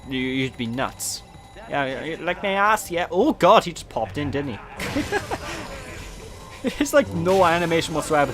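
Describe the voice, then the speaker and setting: A young Welsh man giving chatty, animated let's play commentary over a video game. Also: on the high side. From Wales. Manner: chatty, animated, prone to silly put-on voices. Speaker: gaming channel host. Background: game music and sound effects.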